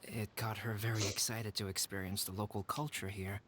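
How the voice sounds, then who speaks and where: An actor playing a calm young alchemist in a video game, soft-spoken, measured and polite. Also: male voice, lowish voice, a little hiss or hum, lightly acted. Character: calm young male alchemist, gentle and composed.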